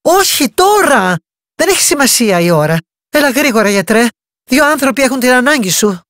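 A woman voicing a kind-hearted young princess in a bedtime story, speaking gently and earnestly, a little higher than her narration. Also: lively intonation, dry recording, studio quality, natural voice. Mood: urgent, pleading.

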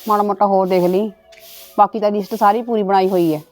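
A woman's voice: mid-range voice, fairly even intonation, fast talker, darkish tone, soft background music, close to an everyday voice. A woman playing a mother who scolds and soothes her widowed daughter in a family drama. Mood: fussing.

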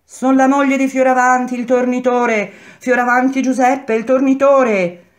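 A woman voicing a desperate young wife loudly calling up to the prison bars. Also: sits high, fairly even intonation, measured pace, pitched above the performer's own voice. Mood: desperate shouting. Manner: loud calling, straining.

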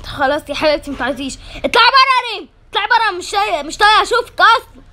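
A woman with an Egyptian Arabic accent voicing a calm, motherly female school principal in an animated doll-game story, consoling in a lowered, soft voice. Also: racing, full character voice. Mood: soothing. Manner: soothing and motherly, with a firm edge.

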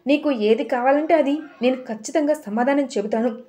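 A woman voicing a patient, kind young man who gently coaxes a child to eat, in a storybook retelling. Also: sits high, fairly quick, lightly acted. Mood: coaxing. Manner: coaxing, gentle.

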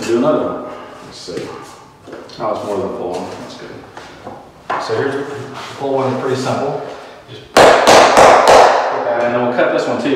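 A man's voice: medium pitch, very noisy. A man casually explaining house building and flooring in a rambling, joking way, recorded in a bare house under construction. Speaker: home builder vlogger. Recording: echoey empty room, mic far off.

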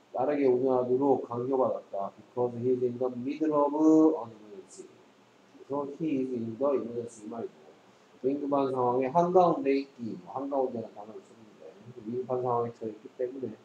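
A man's voice: mid-range voice, dark tone, echoey room, highs cut off, slight background noise. A man tutoring English one-on-one, quizzing his student and joking bluntly, in a casual lesson. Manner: teasing, quizzing, blunt slang.

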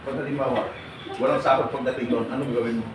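A man giving a lively seminar talk to a crowd of overseas workers, teasing them, asking them questions and acting out their replies. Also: mid-range voice, fast talker, recorded from a distance. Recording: echoey room, voice from afar, noisy.

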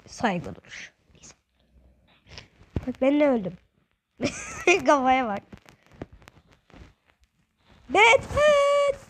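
A playful woman narrating her gameplay to viewers in a high, bouncy voice. She takes her time, drawing out her words unhurriedly, and sounds a little under the weather. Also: a little hiss or hum. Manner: playful, excitable, talks to viewers. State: slightly ill, voice a little changed. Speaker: gaming video creator. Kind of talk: casual gameplay commentary.

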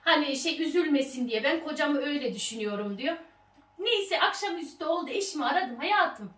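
A high-voiced woman chatting and retelling a story while she cooks, lively and bossy with her husband. The room rings, and she is some distance from the mic. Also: a little fast, echoey room. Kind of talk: casual storytelling chat. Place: home kitchen while cooking.

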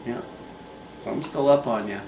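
A man, a new father in a hospital room, chatting gently and chuckling as he coos over his newborn. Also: mid-range voice, normal speed, gravelly. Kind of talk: casual home video chat. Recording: noisy home video.

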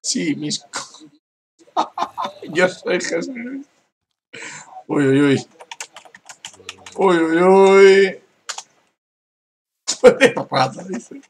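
A man's voice: a little high, very animated, drawn-out words, pauses often, slight background noise. A man from giving casual gameplay commentary, laughing often and reading other players' messages aloud. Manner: laughs often, reads out chat with "dice". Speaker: gaming youtuber.

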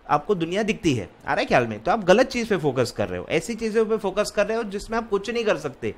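A man's voice: fairly high pitch, a bit bright. A man, lecturing CS students and scolding them with rhetorical questions. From Maharashtra, India. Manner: scolding, rhetorical, keeps asking if you follow. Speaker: CS exam mentor.

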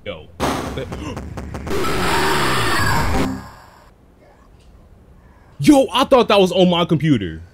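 Animated young American man, higher-pitched, gaming. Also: brisk, few pauses, heavy background noise. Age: young adult. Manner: animated, slangy, reacting aloud. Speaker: gaming streamer. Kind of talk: casual gameplay commentary. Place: small indoor bedroom setup.

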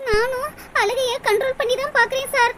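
A tearful, clingy young girl from a cartoon short, pleading in a very high, thin voice. Loud hiss runs under every line. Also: fairly even intonation, a little fast. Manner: weepy, pleading. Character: young lovesick village woman, tearful and clingy.

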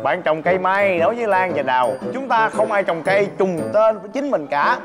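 A man in his thirties hosts a comic family game show indoors in a large shop or showroom, playfully teasing the others and reading out tasks. His voice sits high, expressive and brisk. Loud background music runs as a bed under his speech.

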